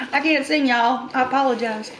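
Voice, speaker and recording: A middle-aged woman talks to her viewers in a casual, rambling style with folksy phrasing. She takes her time, at a medium pitch. The room adds noticeable echo, and there is slight background noise. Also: a little slow. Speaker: mukbang eating show host. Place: small room indoors.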